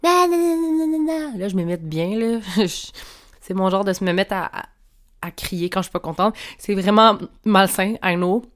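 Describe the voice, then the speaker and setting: A woman's voice: mid-range voice, fairly even intonation, moderate pace. A young Québécois woman talks into a clip-on mic at home, hosting her solo podcast. She sounds chatty and candid, swears freely, and laughs between thoughts. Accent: Québécois French. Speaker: podcast host. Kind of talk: casual solo podcast monologue. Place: room at home.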